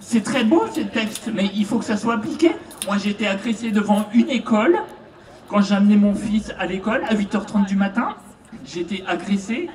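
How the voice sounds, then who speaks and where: On an outdoor festival stage, a French activist with a French accent addresses the crowd through a handheld microphone in a public speech, chatty and hesitant with many fillers. Her medium-pitched voice is a little mellow, and the sound is roomy and recorded from a distance.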